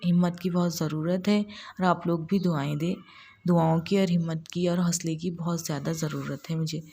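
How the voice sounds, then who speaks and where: A woman's voice: on the low side, fairly even intonation, vocal fry, dark tone, slightly rough. Patient woman teaching Quran recitation. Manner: patient, repeats syllables slowly and drawn out. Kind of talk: step-by-step tajweed lesson.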